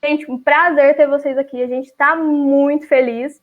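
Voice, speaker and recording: Hosting a live online event as its chapter leader, this Brazilian woman speaks with a Brazilian Portuguese accent in a high voice, fairly even in intonation and a little slow. Her talk is chatty, with lots of fillers and restarts, and the video call audio is lo-fi.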